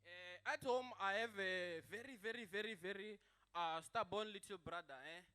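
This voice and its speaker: A man's voice: high-pitched, moderate pace. A young man doing stand-up comedy, telling rambling family stories with chatty asides and fillers.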